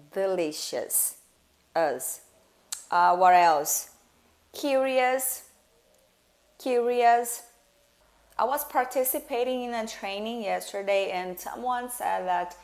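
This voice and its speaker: Brazilian woman teaching English pronunciation. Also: mid-range voice. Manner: drawls example words slowly and repeats them, chatty with viewers. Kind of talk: online pronunciation lesson mixing English and Portuguese.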